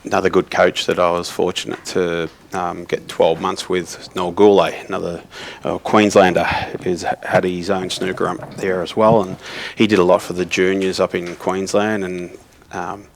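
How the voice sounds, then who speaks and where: Low gravelly man telling snooker stories. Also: level tone, moderate pace, few pauses, a little hiss or hum. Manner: rambling storyteller with many ums. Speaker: co-commentator and former player. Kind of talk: relaxed snooker commentary and anecdotes.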